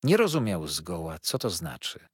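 A man narrating a novel in an expressive, wistful storytelling voice. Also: low voice, moderate pace, husky, no room sound, clean studio sound. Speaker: audiobook narrator.

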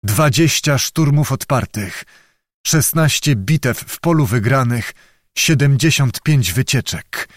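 A man's voice: medium pitch, lively intonation, slow pace, dry recording, studio quality. A male narrator voicing an exhausted, starving young knight who gives short, weary answers. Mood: proud. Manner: weary, terse replies.

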